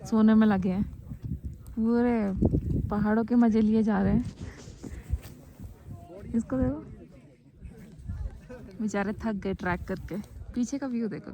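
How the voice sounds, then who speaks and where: A woman's voice: medium pitch, muffled recording, background noise. A young woman vlogging on a mountain summit, talking casually and cheerfully to her phone camera and teasing her friends. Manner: chatty, upbeat, teasing friends. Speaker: travel vlogger. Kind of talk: casual vlog narration outdoors. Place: windy mountain summit outdoors. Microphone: handheld phone camera.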